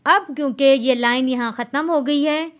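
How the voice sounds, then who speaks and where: A woman's voice: high-pitched, moderate pace. A woman teaching Quran reading in a patient, step-by-step lesson, spelling out each letter and vowel mark and then drawing out the syllables. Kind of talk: slow step-by-step recitation lesson.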